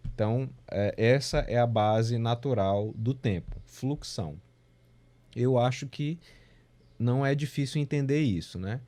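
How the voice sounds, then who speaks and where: A man's voice: medium pitch, a little slow, dark tone. A man teaching a remote music theory class, explaining patiently and counting beats aloud, with frequent tag questions. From Brazil. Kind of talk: remote lecture. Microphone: remote class recording.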